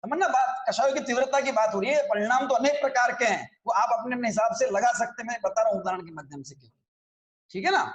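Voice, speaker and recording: High-pitched guy teaching a scripture class, chatty, roomy echo. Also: fast, dull audio. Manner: conversational, keeps checking in with listeners. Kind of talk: explanatory religious class.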